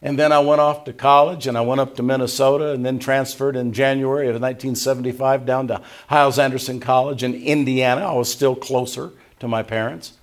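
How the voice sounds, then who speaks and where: Gravelly older male pastor preaching. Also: mid-range voice, fairly even intonation, fairly quick, hardly any pauses. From Tennessee, USA. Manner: emphatic preaching with swings from loud to hushed; quotes scripture in old-fashioned wording. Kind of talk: sermon.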